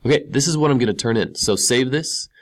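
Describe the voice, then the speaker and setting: A computer science teacher goes at a quick pace in a mid-range voice, talking casually through every step of a screen-recorded tutorial. He repeats key words to emphasize them.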